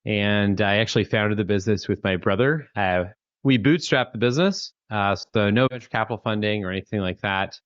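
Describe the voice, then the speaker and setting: This Canadian startup founder in his thirties chats casually as an interview guest, full of fillers and restarts. His voice sits fairly low and runs a little fast. The call audio is dry, dull and lo-fi, with no echo.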